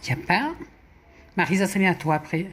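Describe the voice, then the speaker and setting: With a fairly low but lively, fairly bright voice, a woman talks a little fast as she plays puzzle games at home for her YouTube audience. She mutters letters and numbers and mocks her own errors, and there's a slight hiss or hum in the recording.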